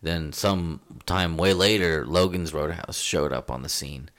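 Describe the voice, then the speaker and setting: A man's voice: extremely low pitch, measured pace, fairly bright tone. A young man co-hosting a podcast, chatting casually in a rambling, playful way that trails off and restarts. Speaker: podcast co-host. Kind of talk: casual chat.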